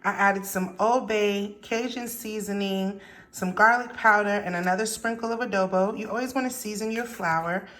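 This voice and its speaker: This home cook, whose family is Haitian, speaks in a steady, fairly bright mid-range voice at a moderate pace. She hosts a relaxed cooking video from her kitchen, working one-handed and thinking aloud as she walks through a recipe, with a running tap and background noise behind her.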